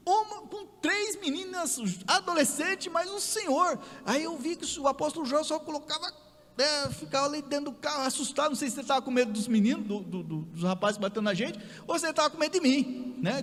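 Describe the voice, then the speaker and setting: A man with a Brazilian Portuguese accent preaching a sermon, telling a personal story with animated bursts and loud outbursts. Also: very high-pitched. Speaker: pastor. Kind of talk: sermon testimony. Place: church hall. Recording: long church reverb.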